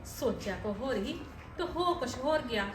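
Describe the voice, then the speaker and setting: A woman's voice: high voice, lively intonation, fast talker, music in the background. A woman playing a scheming, nagging mother-in-law. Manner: sharp and complaining, mutters schemes to herself. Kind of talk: family drama acting.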